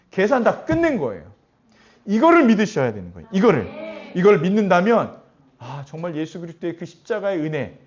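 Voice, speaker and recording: A man preaching a sermon as pastor, animated and often putting questions to his congregation. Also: high-pitched. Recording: dull lo-fi recording.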